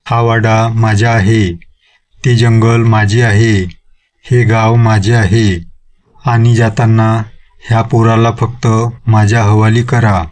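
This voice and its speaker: A man's voice: fairly low pitch, little pitch movement, slow, darkish tone. A man voicing a vicious, vengeful female witch-ghost in a storybook horror tale, with a threatening manner. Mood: menacing. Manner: threatening, claims everything as hers.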